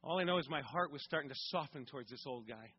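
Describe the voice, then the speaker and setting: A man voicing a weary, lonely older homeless man who talks quietly and softly. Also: mid-range voice, lively intonation, fast, slightly rough. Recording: dull recording with long hall reverb.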